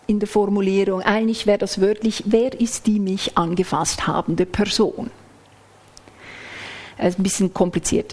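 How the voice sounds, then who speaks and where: A woman preaching a sermon, explaining a Bible passage closely and dropping at times into soft, whispered asides. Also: mid-range voice. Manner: explains text closely, acts out quoted lines.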